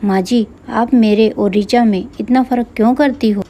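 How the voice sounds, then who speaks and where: A woman voicing a meek, obedient young daughter-in-law who pleads softly, in a storybook reading. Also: fairly high pitch, steady tone, normal speed. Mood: hurt. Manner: soft, pleading.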